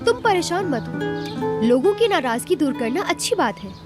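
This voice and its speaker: A sweet soothing best friend. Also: female voice, high-pitched, big pitch swings, normal speed. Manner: soothing, coaxing. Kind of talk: dubbed drama. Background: music.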